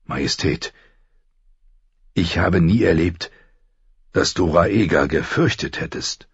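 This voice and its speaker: Man as a stern calm lord, low and a bit husky, audiobook. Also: no echo, highs cut off, full character voice. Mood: cold reproach. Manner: measured, cool, firm. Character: stern honorable male lord, middle-aged.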